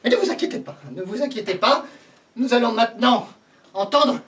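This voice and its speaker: A woman's voice: on the high side, expressive, brisk, natural voice. An actress playing a flustered, exasperated woman judge presiding over a trial in a stage comedy, repeating her orders sternly. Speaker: court president. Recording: distant stage mic with audience laughter.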